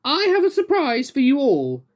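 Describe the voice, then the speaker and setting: A grand storybook lady hosting a ball, imperious and announcing, pitched high and bright. A woman voices her in a children's book reading. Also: huge pitch swings, moderate pace.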